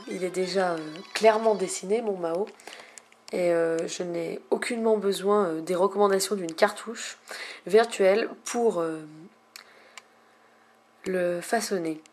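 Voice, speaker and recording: A young woman narrates her own video game recording late at night, her voice low and hushed and sometimes slipping into a whisper. Her wording is lyrical and florid, full of hesitations, and she has had a slight cough lately.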